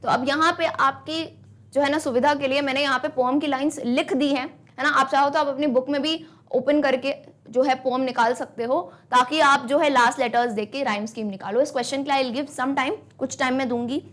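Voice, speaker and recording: Woman teacher, high voice, encouraging, online lesson. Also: fairly even intonation, brisk, a bit bright. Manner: encouraging, coaxing students with rhetorical questions; mixes English into talk.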